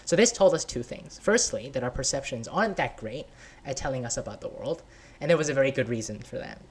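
A man's voice: medium pitch, animated, fast talker, husky. A man voicing a patient male scientist in a children's story he reads aloud, explaining how the world is built, with many "right?" and "sort of" fillers.

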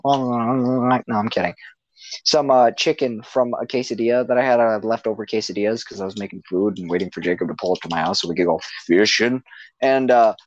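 A man's voice: medium pitch, no room sound, muffled recording. A man co-hosting a casual gaming podcast, teasing and then saying he is only kidding. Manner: joking, keeps saying he is kidding. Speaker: podcast co-host.

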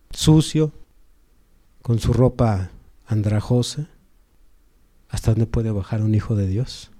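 A man's voice: mid-range voice, dark tone. A male preacher giving a sermon, retelling a Bible story and rising to emphatic cries.

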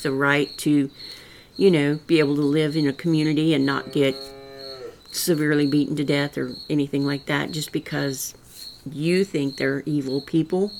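An older woman with a deep voice and a rural Missouri accent does solo political commentary on her own podcast, rambling earnestly in a folksy style. She comes from rural Southwest Missouri, and the recording carries a little hiss or hum.

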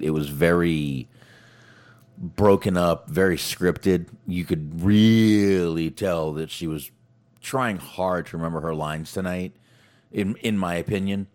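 A man's voice: low voice, a little mellow. A man co-hosting a wrestling podcast in casual chat, blunt and profane, rambling with frequent restarts.

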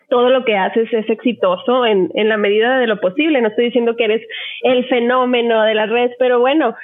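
A woman's voice: on the high side, no echo. A middle-aged woman psychologist with a Mexican accent, hosting a podcast and talking things through at length. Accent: Mexican Spanish. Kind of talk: casual podcast chat. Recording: dry, phone-like narrow sound.

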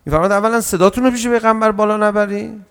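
A man giving a sermon as a religious lecturer, lively and acting out quoted speech, chanting verses slowly. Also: high-pitched, smooth, big-room sound. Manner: slow drawn-out chanting of verses.

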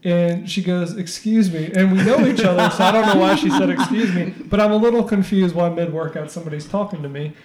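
A man's voice: high-pitched, fast, few pauses. Upbeat man hosting, roomy sound. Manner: upbeat, teasing, storytelling. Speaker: podcast host. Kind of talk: casual podcast chat.

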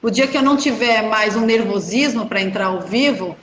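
A woman, a journalist and runner, telling stories in a chatty, animated way as an interview guest. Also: on the high side, a little fast, roomy sound, a little hiss or hum. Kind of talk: casual interview chat.

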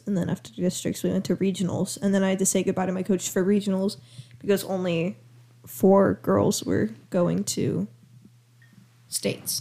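A woman's voice: medium pitch, gravelly, mellow. A teenage girl co-hosting a casual family podcast from a home studio, chatty and giggly, rambling through recaps. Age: teens. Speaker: podcast co-host, daughter. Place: home room turned audio studio.

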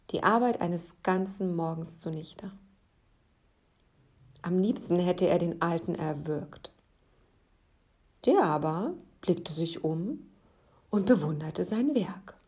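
A woman narrating a story aloud, calm and soft-spoken. She takes her time, reading at a slow, measured pace, and often lets her voice sink to a hushed whisper. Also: fairly low pitch.

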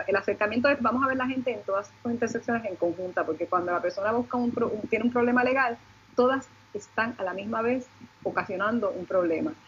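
A woman's voice: medium pitch, fairly bright tone, muffled recording, a little hiss or hum. A woman with a Puerto Rican Caribbean Spanish accent explaining reflectively on a panel, searching for her words as she goes. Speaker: law lecturer and panelist.

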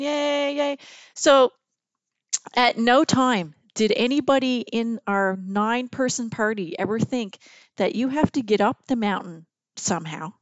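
A woman's voice: mid-range voice, dry recording. A middle-aged woman telling a funny, profane story about herself in casual podcast style. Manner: profane, self-mocking, animated. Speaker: podcast host.

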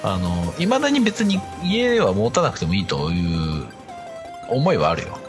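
A man co-hosting a podcast in casual chat, his voice echoing and reverberant in a high-ceilinged house. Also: wildly swooping pitch, normal speed, music in the background. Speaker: podcast co-host. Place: home with open atrium, on internet call.

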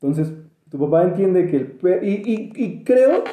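A man's voice: high-pitched, lively intonation, measured pace, mellow, echoey room. A man with a Mexican accent, musing in a casual podcast chat, hedging with many fillers. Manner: hesitant and reflective, many fillers and restarts. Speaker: podcast co-host.

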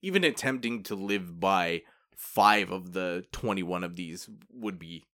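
A man's voice: sits low, lively intonation, measured pace, a bit bright. A man in casual podcast chat, rambling with many fillers as he retells a story.

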